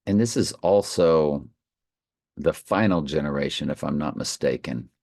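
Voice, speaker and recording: Deep, slow man, mouth numb from the dentist. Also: lively intonation, vocal fry, a little mellow, no echo, studio quality. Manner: slightly slurred speech. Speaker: online Bible study host. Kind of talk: informal Bible study, reading verses and commenting off the cuff.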